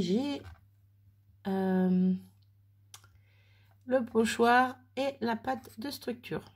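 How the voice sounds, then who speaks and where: A woman demonstrates mixed-media art in her home craft room, an oven running in the background, narrating a casual tutorial in a slow, chatty, self-deprecating way as she thinks aloud. Her voice is medium-pitched, darkish, a bit husky and gravelly.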